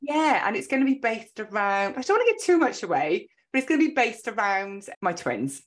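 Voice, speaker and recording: A woman's voice: fairly high pitch, big pitch swings, fairly quick. A woman in her thirties or forties with a South Wales accent, hosting a podcast. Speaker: podcast host, business coach.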